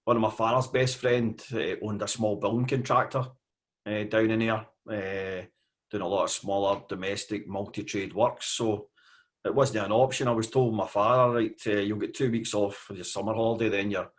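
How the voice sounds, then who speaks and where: A Scottish man in his fifties, a podcast guest talking casually with many fillers and pauses. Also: on the low side, fairly even intonation. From Scotland. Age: 50s. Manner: hesitant, with frequent fillers. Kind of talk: casual interview.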